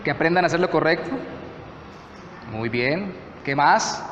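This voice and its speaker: A man with a Colombian Spanish accent, a pastor preaching a sermon, reading scripture slowly and deliberately. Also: on the high side, expressive, background noise. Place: church hall. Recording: echoey church hall, faint ambience.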